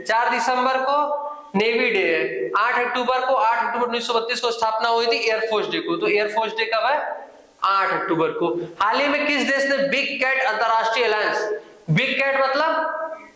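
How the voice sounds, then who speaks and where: Bright high-voiced man teaching, echoey room. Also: normal speed. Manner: question-and-answer drilling, repeats answers; informal asides and jokes. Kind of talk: current affairs quiz lesson.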